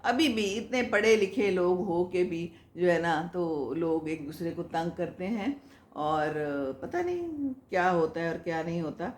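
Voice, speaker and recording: A woman's voice: lowish voice, expressive, slight background noise. An older woman hosting a casual advice talk, answering viewer comments in a chatty, motherly, moralizing way and laughing often. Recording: echoey room.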